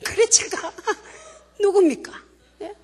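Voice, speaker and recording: A woman, a church deaconess, giving a testimony that moves from playful jokes to earnest, hushed faith talk. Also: very high-pitched, slow. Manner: playful, animated, turning soft and hushed. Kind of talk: humorous then earnest testimony. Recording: long church-hall reverb.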